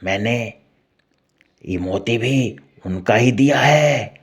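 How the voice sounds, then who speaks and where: A man voicing an earnest, fearful village servant who speaks in slow rural dialect. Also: mid-range voice, breathy edge. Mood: hushed, confiding.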